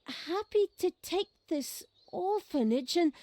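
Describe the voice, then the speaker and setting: A woman voicing a young priestess in a video game who is sweet and earnest but slowly turns to evil. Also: very high-pitched, expressive, mellow, no echo, heavily acted. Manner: sweet, earnest, flustered, then gleeful menace. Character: young female priestess turned dark sorceress. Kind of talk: game cutscene voice acting.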